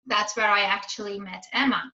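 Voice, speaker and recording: A woman in her thirties from Iran chats casually as a podcast guest, with many hesitant ums. Her mid-range voice is steady, fairly quick, bright and forceful. The recording sounds roomy, dull and lo-fi.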